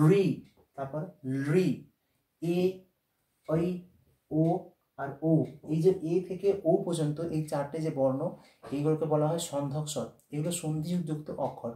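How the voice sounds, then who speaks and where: A man's voice: a little high, darkish tone, reverberant, recorded from a distance. A man teaching a lesson, patiently explaining and spelling out letters one by one. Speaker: Sanskrit teacher.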